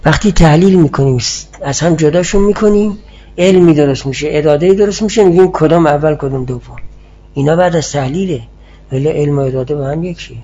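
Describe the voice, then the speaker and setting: A male teacher lectures in a measured, explanatory way, pausing to answer his students. His voice sits a little high but sounds mellow and husky. The recording is dull and muffled. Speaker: teacher of Islamic philosophy. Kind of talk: classroom lecture.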